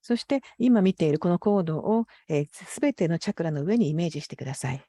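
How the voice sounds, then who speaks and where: A woman's voice: on the low side, animated, fast, dark tone, no room sound, studio quality. A woman working as an interpreter for a guided meditation, speaking politely and carefully with hesitant phrasing. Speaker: consecutive interpreter.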